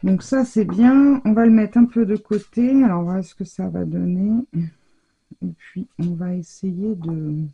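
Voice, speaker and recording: A woman's voice: mid-range voice, measured pace, creaky, warm tone, slightly rough, dull audio. A woman giving a casual scrapbooking tutorial at home, chatty and hesitant, with many fillers and stumbles over English product names. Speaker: scrapbooking crafter demonstrating.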